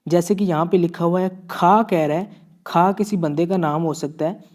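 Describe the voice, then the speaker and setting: A man's voice: sits high, steady tone, moderate pace, darkish tone. A man from Pakistan with a Pakistani Urdu accent teaching Korean vocabulary, patiently repeating each word and checking in often. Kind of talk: classroom-style vocabulary lesson.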